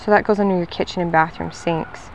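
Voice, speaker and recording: A fast-talking woman with a voice on the low side and fairly even intonation pitches pest control at a front door outside, friendly, upbeat and talkative as she goes door to door. The low-quality recording has a little hiss or hum.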